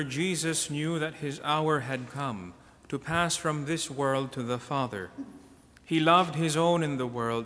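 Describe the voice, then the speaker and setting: A man who is a priest, reading the Gospel and preaching in a measured, solemn way, his voice carrying a cathedral echo through a large church. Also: mid-range voice, fairly bright tone. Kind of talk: liturgical reading and homily. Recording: long church reverb in a large hall.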